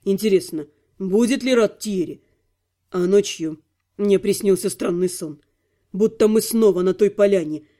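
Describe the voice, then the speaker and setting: A man's voice: sits high, unhurried, mellow. A man reading a first-person audiobook, telling the story in a wry, self-ironic way. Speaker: audiobook narrator.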